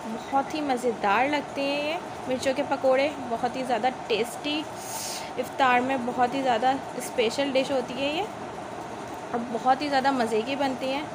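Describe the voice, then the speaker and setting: A Pakistani woman with a high, steady voice hosts a home cooking channel, chatting warmly at a moderate pace as she walks viewers through a recipe step by step in her home kitchen, often saying "see" to them. It's a noisy home phone recording, with a phone or camera filming the countertop from above.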